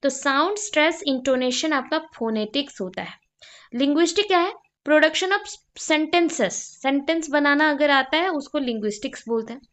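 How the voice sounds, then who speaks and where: High-voiced woman explaining lesson points. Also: normal speed, fairly bright tone. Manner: mixes English terms into Hindi, lists items one by one. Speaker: teacher. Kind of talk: explaining lecture notes.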